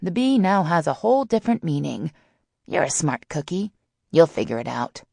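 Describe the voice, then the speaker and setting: In a full character voice, a woman narrator plays a cheeky teenage girl with a sharp tongue in a storybook romance, her tone low, creaky, and dark. At a moderate pace and very animated, she layers on teasing, mock-haughty sarcasm, captured dry at studio quality.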